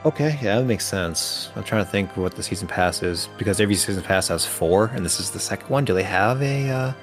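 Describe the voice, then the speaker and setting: A man's voice: lowish voice, animated, brisk, faint music behind. A man co-hosting a casual chat, sarcastic and swearing often, laughing a lot. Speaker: podcast co-host.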